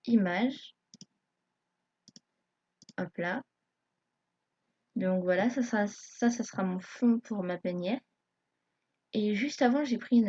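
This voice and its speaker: A woman narrates a live screen tutorial in a mellow, slightly husky voice. She hesitates often, filling pauses as a nervous beginner would. The recording sounds dull and lo-fi. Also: medium pitch, no room sound. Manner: hesitant, many fillers, self-conscious beginner. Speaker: YouTube tutorial maker.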